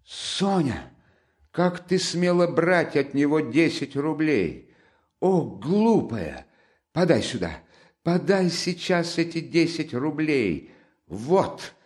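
A man's voice: on the high side, sing-song, slow, a little mellow, pitched above the performer's own voice. Man doing a shrieking, hysterical woman. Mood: indignant. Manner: hysterical, scolding, screaming insults. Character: frantic, shrieking, destitute middle-aged woman.

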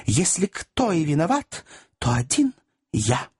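A man reading aloud and voicing a dignified, indignant older gentleman who speaks formally and stiffly. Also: on the high side, wildly swooping pitch, unhurried, husky, voice pushed up, full character voice.

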